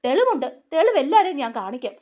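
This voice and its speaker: An angry young man from a TV serial hurls accusations in a high, sharply swinging voice, as a woman reads his part aloud. He stays heated and insistent, pressing every point. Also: big pitch swings, quick pace, a little mellow.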